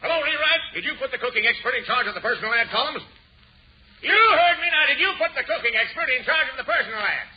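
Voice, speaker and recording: Very high-pitched, blustering vaudeville comic editor. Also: male voice, expressive, quick pace. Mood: harried, blustering. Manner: clipped, repetitive vaudeville comic delivery of one-liners. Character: blustering, addled old newspaper editor, griping about his wife. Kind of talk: 1940s radio comedy acting, vaudeville comic patter. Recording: muffled old 1940s radio recording, faint noise.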